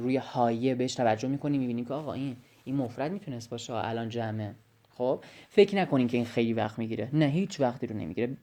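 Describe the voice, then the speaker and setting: A man's voice: medium pitch, warm tone. A young man recording a voice-message biology lesson, explaining step by step, repeating key phrases and talking straight to his students. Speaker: biology study tutor.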